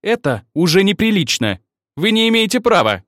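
A man's voice: big pitch swings, a little fast, no echo. A man voicing a flustered, polite young woman who protests hastily in an audiobook. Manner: hasty, flustered, high.

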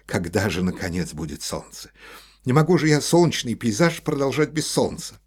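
A man's voice: lowish voice, fairly even intonation, moderate pace, husky. A man voicing an irritable, moody painter in an audiobook, speaking in exasperated, peevish outbursts. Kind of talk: audiobook character voice.

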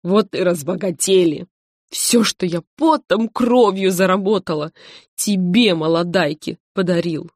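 A woman reading an audiobook voices a bitter, aggrieved older wife who speaks loudly and scornfully. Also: lowish voice, a little slow, no echo, clean studio sound. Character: bitter aging wife, tearful then threatening.

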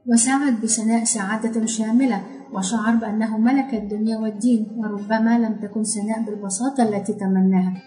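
Woman audiobook narrator, measured literary reading; soft music behind, echoey room. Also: a little high, fairly even intonation. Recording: roomy echo, faint background music.

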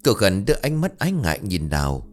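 A man narrating a scripted horror story in an expressive storyteller voice. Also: deep voice, fairly quick, soft background music.

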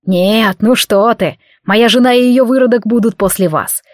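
A woman's voice: fairly high pitch, moderate pace, no echo, clean studio sound, lightly acted. A woman voicing a sneering vengeful count. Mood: sneering menace. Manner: sneering, menacing. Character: cruel vengeful male count, a swordsman.

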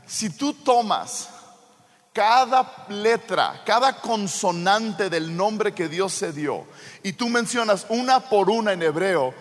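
A pastor with a high, expressive voice preaches slowly, telling a story with humorous asides before building to fervent proclamation. A long hall reverb surrounds his sermon.

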